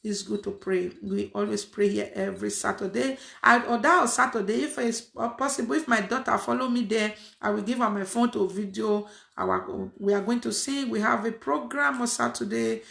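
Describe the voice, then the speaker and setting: In an echoey room, a woman hosting online prayer preaches casually to her audience, emphatic and repeating her phrases, with frequent fillers. Her voice is a little high, gravelly and fairly bright, at a normal speed.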